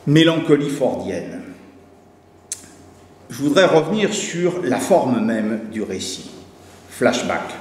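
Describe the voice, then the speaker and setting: A man's voice: medium pitch, very animated, slow pace, long pauses. A man giving a conference talk, reading a prepared academic paper, then hesitating and restarting when he speaks freely. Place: university lecture hall. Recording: echoey hall recording with faint noise.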